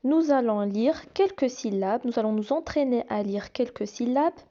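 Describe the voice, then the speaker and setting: A woman teaching young children to read, sounding out each syllable slowly and repeating it. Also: a little high, mellow, highs cut off. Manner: slow, deliberate, repeats and stretches each sound. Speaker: reading teacher. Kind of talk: slow phonics lesson for young children.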